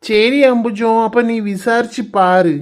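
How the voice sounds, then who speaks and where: A woman voicing an easygoing middle-aged village husband in a cartoon, slow and placating, with a Kanyakumari Tamil accent. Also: a little high, steady tone, darkish tone, close to an everyday voice. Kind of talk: cartoon voice acting.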